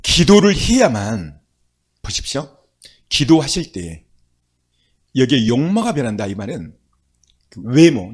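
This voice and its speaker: A man's voice: mid-range voice, slightly rough. A male pastor preaching a sermon, telling stories with emphatic, rising exclamations.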